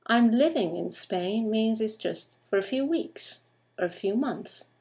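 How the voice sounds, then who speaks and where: A woman teaching English grammar in a recorded lesson, speaking clearly and deliberately and putting questions to the listener. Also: fairly high pitch, animated, a little mellow.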